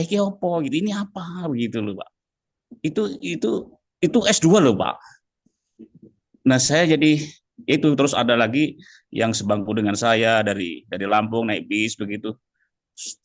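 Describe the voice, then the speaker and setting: A man recounts an experience in a rambling, heartfelt way. He keeps circling back with small filler tags. His mid-pitched voice is recorded dry and close, with no room around it. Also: no room sound. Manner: earnest, rambling, repeats words with filler tags like "gitu loh, Pak". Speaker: participant sharing a personal story. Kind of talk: casual heartfelt testimony in a group call.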